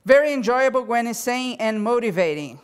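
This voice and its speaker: A woman's voice: on the high side, lively intonation, brisk, smooth. Upbeat woman host reading comments. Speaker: interview host. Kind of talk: casual interview, reading viewer comments.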